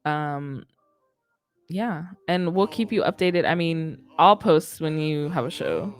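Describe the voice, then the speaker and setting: Low and expressive, a young woman's voice moves at a slow pace over faint background music. Hosting a radio show, she chats informally in a rambling, slang-heavy podcast style. The setting is a curtained indoor studio, with a headset on and a close boom-arm studio microphone.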